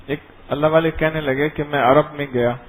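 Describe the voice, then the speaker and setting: A middle-aged man giving a dawn religious lesson, telling stories and acting them out in an animated way. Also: on the high side, slight background noise, rough recording. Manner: animated, acts out scenes and voices. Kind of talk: storytelling sermon.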